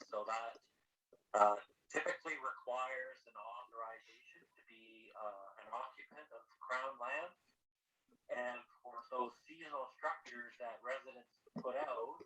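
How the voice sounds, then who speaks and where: A man's voice: mid-range voice, breathy edge. A man giving a conference presentation over a tinny phone line, his voice fading in and out. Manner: fading in and out, uneven loudness. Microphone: telephone.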